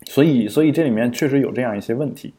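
A man's voice: mid-range voice, quick pace, dark tone. A man co-hosting a podcast in casual explanatory chat, thinking aloud with frequent fillers and restarts. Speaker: podcast co-host.

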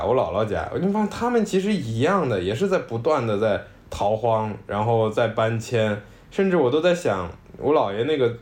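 Man, podcast co-host, casual chat, reflective storytelling, mid-pitched voice.

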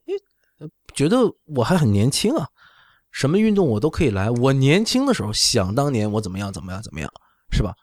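On a talk show, a middle-aged orthopedic doctor whose first language isn't Chinese gives a casual medical explanation, regularly checking in with "right?". He talks fairly quickly in a mid-range, sing-song, slightly mellow voice, and the recording is dry.

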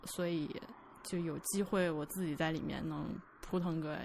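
A woman co-hosting a podcast, chatting casually and telling stories about herself in a lively, self-deprecating way. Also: sits low, normal speed, vocal fry, slight background noise. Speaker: podcast co-host. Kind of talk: casual chat.

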